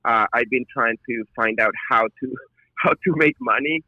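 Appearing as a guest on a podcast, a friendly man in his forties from Colombia speaks at a moderate pace in a medium-pitched voice, with no room sound. His casual interview talk is full of stock phrases such as "of course," captured in dull lo-fi audio.

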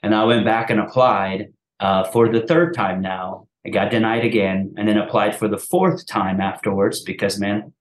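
A man in his thirties from Afghanistan, a podcast host telling his story in a casual interview, talking fast with lots of restarts and "man". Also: on the low side, fairly even intonation. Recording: echoey room.

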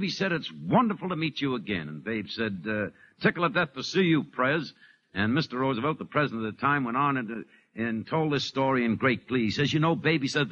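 Older man telling old baseball stories. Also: medium pitch. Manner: rambling storyteller with frequent "uh" fillers. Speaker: former ballplayer, now baseball announcer. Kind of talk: anecdotal recollection in an interview. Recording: muffled 1950s radio recording.

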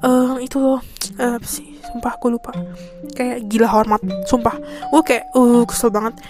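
A woman's voice: on the high side, fairly even intonation, normal speed, over music. A young woman, telling a work story in a casual, exasperated, slangy way and mimicking coworkers. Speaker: podcast host.

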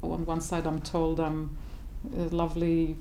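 A woman's voice: sits low, monotone, unhurried, dark tone, a little hiss or hum. A woman, a psychotherapist speaking candidly and reflectively as an interview guest. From Israel. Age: 50s.

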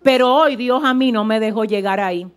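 A woman pastor preaching a fervent, animated sermon in a church service, with asides to the congregation. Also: fairly high pitch, brisk.

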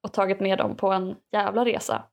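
A woman's voice: medium pitch, very animated, gravelly. A woman chatting casually, hesitant and self-mocking, with many fillers. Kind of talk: casual comedic chat.

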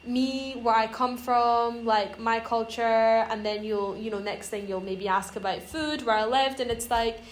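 Young woman from iran on a podcast, kinda high voice, rambly, lots of likes and ums, echoey room. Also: steady tone, normal speed, few pauses. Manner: rambling, hesitant, many fillers. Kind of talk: casual podcast chat. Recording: roomy echo, faint noise.

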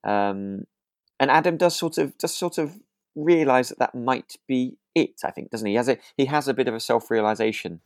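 In a dry, studio-quality recording, a male podcast co-host with a mid-range voice talks at normal speed about a radio drama. His casual chat is hesitant, as he repeats himself and loops back over his words while he thinks.

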